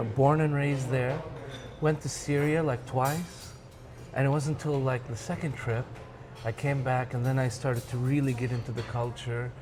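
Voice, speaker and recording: In a noticeably noisy setting, a medium-pitched man with an American accent from Michigan, United States, chats casually as an interview guest. He's a musician and music director, reminiscing and slipping Arabic phrases into his English.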